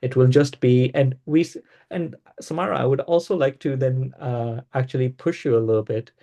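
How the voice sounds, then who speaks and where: A man's voice: medium pitch, normal speed, creaky, warm tone. A man presenting in a casual spiritual discussion, talking hesitantly with many fillers and restarts.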